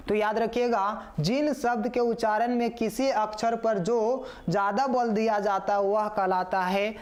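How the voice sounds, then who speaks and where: A man's voice: high-pitched, darkish tone. A man teaching a live online grammar lesson. He repeats answers over and over, calls the viewers "yaar" and reads out their comment answers.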